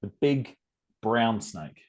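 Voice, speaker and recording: Hosting his podcast, a man from South Australia rambles through a casual interview, full of fillers, in an Australian accent. He speaks slowly and expressively, his lowish voice a little mellow.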